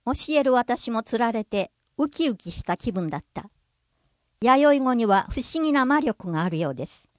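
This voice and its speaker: A woman with a fairly high voice reads a scripted narration at a measured pace. She slows down to sound out example words. The recording is dry and close, with no room sound. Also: lively intonation, dry recording.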